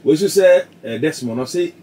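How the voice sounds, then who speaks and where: A man's voice: a little high, lively intonation, normal speed, dark tone, slight background noise. A man with a Ghanaian accent, a radio host who reads out listener comments and responds with short acknowledgements.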